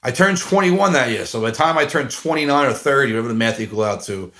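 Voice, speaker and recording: A fast-talking man in his 40s, medium-pitched with lively intonation and a fairly bright tone, hosts a casual solo podcast monologue. It's rambling and self-deprecating, packed with fillers and restarts.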